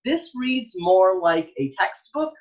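Very animated yet taking it slowly, a middle-aged elementary school librarian from Texas gives an interview in a mid-range, darkish voice. She's earnest, emphatic and enthusiastic, often repeating phrases, while the audio lacks its highs.

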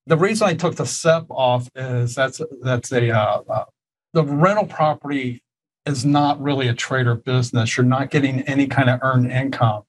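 A man's voice: medium pitch, normal speed, breathy edge, low-quality recording. A man co-hosting a tax question show, explaining retirement plans and rules in a careful, practical way. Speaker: tax advisor co-host. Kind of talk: casual tax Q&A chat.

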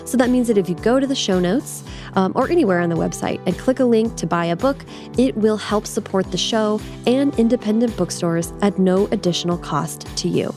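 A woman hosts a podcast interview over a video call, chatting in a friendly way and laughing easily. Music plays clearly beneath her voice. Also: mid-range voice, brisk. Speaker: podcast host.

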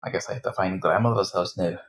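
A man's voice: deep voice, fast talker, slight background noise. A man playing a tabletop game with casual in-character banter and a dry, sardonic manner.

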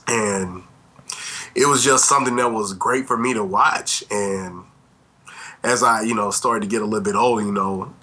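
A middle-aged man with a low, forceful, bright voice chats as a podcast co-host. He rambles casually through memories, self-deprecating and full of verbal asides. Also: fairly even intonation, normal speed. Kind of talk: casual chat, reminiscing.

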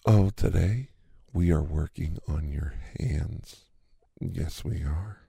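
Deep gravelly man, sultry ASMR whispers. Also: slow pace, dry recording, clean studio sound. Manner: soft, sultry, often whispered. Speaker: ASMR creator. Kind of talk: ASMR hand massage role-play.

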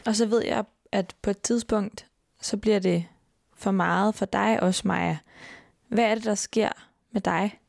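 A woman interviewer asking gentle, probing questions in a documentary interview. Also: medium pitch, fairly even intonation, gravelly, no echo, studio quality.

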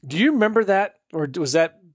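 A man's voice: high voice, big pitch swings, brisk, dry recording, studio quality. A man hosting a podcast, upbeat and chatty, often laughing as he talks. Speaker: podcast host. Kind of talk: casual interview chat.

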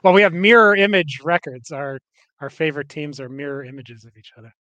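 A man's voice: a little high, a little fast, bright, forceful tone, no room sound, muffled recording. A Canadian man co-hosting a podcast in casual chat, rambling with lots of fillers and restarts. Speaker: podcast co-host.

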